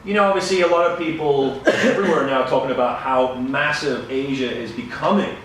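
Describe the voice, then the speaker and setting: A man's voice: mid-range voice, a little fast, fairly bright tone, far from the mic, slight background noise. A man hosting a live interview in front of an audience, upbeat and wordy like a presenter. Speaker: event host interviewer. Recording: echoey room mic heard from afar.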